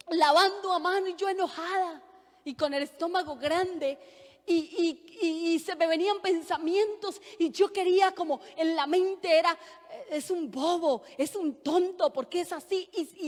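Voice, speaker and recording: A woman's voice: extremely high pitch, normal speed. A woman in her thirties preaching a sermon, giving an earnest personal testimony and building to fervent emphasis. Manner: earnest testimony, addresses listeners as brothers, rises to fervent emphasis. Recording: long hall reverb.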